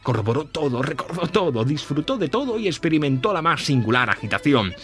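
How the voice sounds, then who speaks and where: A man narrating a classic Christmas story in a measured, storytelling way. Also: on the high side, big pitch swings, a bit bright. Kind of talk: scripted narration.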